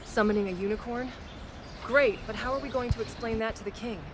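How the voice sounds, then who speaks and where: A woman's voice: fairly high pitch, a little fast, noisy background, natural voice. A woman playing a practical, skeptical adventurer in a fantasy comedy, wry and exasperated. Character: practical, skeptical, dryly sarcastic female adventurer. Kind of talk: scripted fantasy comedy dialogue.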